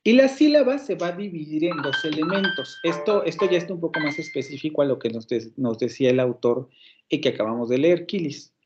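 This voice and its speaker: A man with a Mexican Spanish accent teaches a university phonetics class online, his voice sitting a little high. He thinks aloud as he explains, stopping to correct himself. The audio is somewhat dull, like a computer mic on a video call. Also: animated, fairly quick, music in the background. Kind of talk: online lecture.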